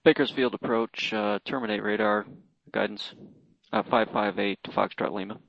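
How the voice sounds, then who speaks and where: A man speaking as a pilot making aviation radio calls to air traffic control, with halting, hesitant phrasing. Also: on the low side, fairly even intonation, creaky, fairly bright tone. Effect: aviation radio transmission. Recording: dull, narrow radio-band sound.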